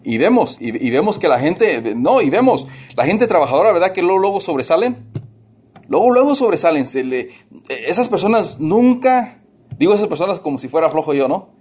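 Preacher, talky and repetitive. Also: male voice, sits high, sing-song, a little fast, a little mellow, husky. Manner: conversational, repeats and restarts words. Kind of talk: casual sermon.

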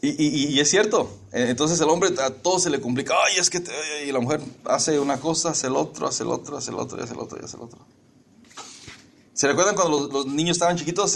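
A man preaching a sermon, joking with the congregation and asking them questions. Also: medium pitch.

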